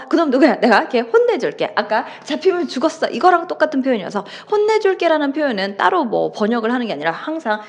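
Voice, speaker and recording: A woman teaching an English lesson in a chatty lecture, laughing often and acting out example phrases in quick voices. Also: on the high side. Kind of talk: lecture with acted example lines.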